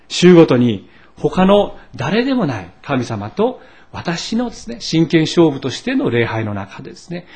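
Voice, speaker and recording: Man, pastor, sermon, storytelling asides, rhetorical questions, middle-aged, animated intonation. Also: mid-range voice.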